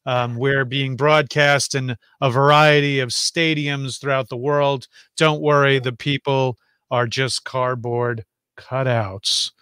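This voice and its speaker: A man's voice: medium pitch, level tone, slow, bright, forceful tone, clean tone, no echo. A man hosting an online interview show, chatty and jokey, with lots of fillers. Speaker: podcast host. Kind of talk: casual interview chat.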